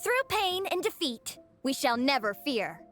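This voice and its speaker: A woman voicing a supportive young woman in a fan club, calm and encouraging. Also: high voice, measured pace, soft background music, exaggerated voice. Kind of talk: game dialogue.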